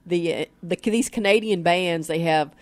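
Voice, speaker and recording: A woman's voice: lowish voice, moderate pace, no room sound. A woman co-hosting a radio show, chatting in a playful, giggly way. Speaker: radio co-host. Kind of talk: casual radio chat.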